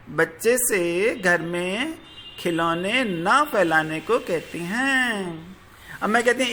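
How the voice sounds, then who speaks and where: A man's voice: high voice, pushed and bright. A man teaching young pupils, reading textbook questions aloud and repeating each answer. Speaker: school teacher.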